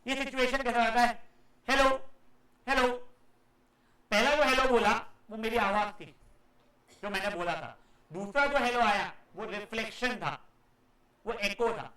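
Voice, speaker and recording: High, bright-voiced male teacher in an echoey classroom. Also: moderate pace. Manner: demonstrative, acts out echoes and calls students "beta"; scolds students loudly at times. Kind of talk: live classroom physics lecture. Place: classroom with students.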